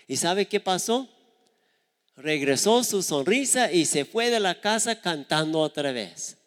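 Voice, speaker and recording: A man's voice: sits high, lively intonation, a little slow, fairly bright tone, in a large hall. A man preaching a sermon, telling stories earnestly and acting out the voices of the people he quotes. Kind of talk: sermon with storytelling.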